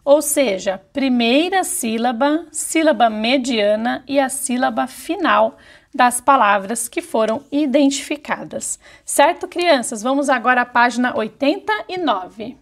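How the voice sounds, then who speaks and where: Teacher lady talking to little kids, high voice, goes really slow, sounds out each syllable. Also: expressive. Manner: slow, careful syllable-by-syllable dictation. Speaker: primary school teacher. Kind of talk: video lesson for young children.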